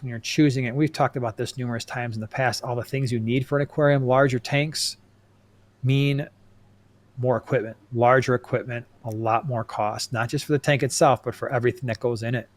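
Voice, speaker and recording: A man co-hosting a relaxed podcast chat. He talks in a lively, animated way and sometimes jumps into joking voices. His pitch sits in an ordinary middle range for a man. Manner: animated, laughs and acts out quips. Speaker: podcast co-host.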